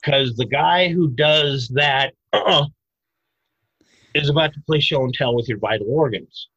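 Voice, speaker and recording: A man explaining self-defense techniques in a podcast interview, animated and emphatic, breaking into loud mock outbursts. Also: medium pitch, a little slow, breathy edge, dry recording, lo-fi sound.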